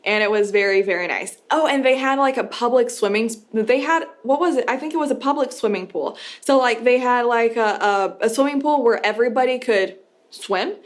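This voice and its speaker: A young woman from the United States, chatty and animated, giving a casual video lesson on English as a teacher. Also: a little high, normal speed. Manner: chatty and animated, lots of fillers; lively, playful teaching tone.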